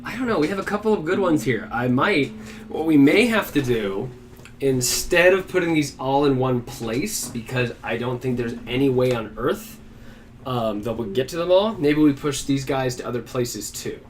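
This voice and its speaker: A man's voice: mid-range voice, lively intonation, moderate pace, slight background noise. A man working as a game master, talking to himself in a casual, rambling way with many fillers while he plans his game. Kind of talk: casual solo stream prep, thinking aloud. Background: guitar music.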